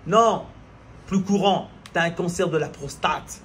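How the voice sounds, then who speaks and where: Man, sermon, high voice, impassioned, repetitive rhetorical questions, faint background noise. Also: unhurried, a bit bright. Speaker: preacher.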